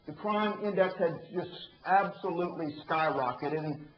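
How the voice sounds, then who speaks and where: A man's voice: on the high side, normal speed. Storytelling man in an echoey room. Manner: storytelling, conversational with rhetorical questions. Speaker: ethics trainer. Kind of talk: training talk to prosecutors. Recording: echoey room, slightly dull sound.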